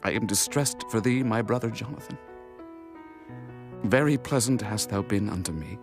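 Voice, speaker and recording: A man's voice: fairly low pitch, normal speed, music in the background, natural voice. Man playing King David, solemn and declamatory. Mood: mournful lament. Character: King David, solemn, grieving and regal Israelite ruler. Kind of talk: dramatized scripture reading in archaic English.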